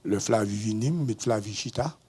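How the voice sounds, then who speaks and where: A man with a Haitian accent, a pastor giving a testimony in a sermon, swinging between low murmurs and sudden high shouts. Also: moderate pace, husky.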